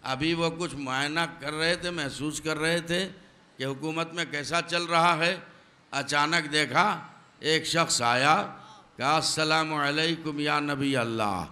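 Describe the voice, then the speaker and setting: A man's voice: on the high side, bright, forceful tone. A male preacher giving a religious sermon, emphatic and full of rhetorical questions, often asking the audience whether they are paying attention. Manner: addresses audience directly, demanding attention.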